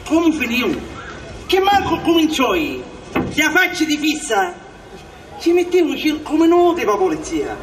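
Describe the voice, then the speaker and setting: A man acting an excitable, scheming Sicilian village barber in a stage comedy, theatrical and exclamatory, in Sicilian dialect. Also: very high voice, normal speed, exaggerated voice. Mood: boastful. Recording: echoey theatre stage, distant mic, audience.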